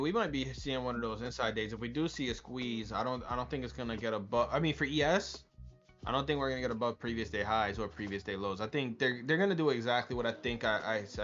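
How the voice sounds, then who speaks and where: A man's voice: medium pitch, a bit bright. Man, casual trader on a call, brash, curses freely, dull audio with faint music. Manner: brash, swears freely, rambling restarts. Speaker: trader on a live stream. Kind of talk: casual trading chat.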